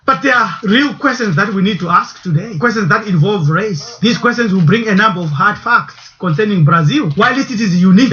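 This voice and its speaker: A male documentary narrator reads his script at a measured pace and poses rhetorical questions. His tone is bright and forward, and the recording is dull and lo-fi. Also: high voice.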